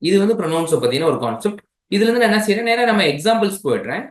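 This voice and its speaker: A man with a Tamil accent teaches an exam-prep grammar class in a slightly higher voice. He keeps checking in with his listeners as he explains. The room is echoey. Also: very animated, very fast. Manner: mixes languages, checks in with "right?".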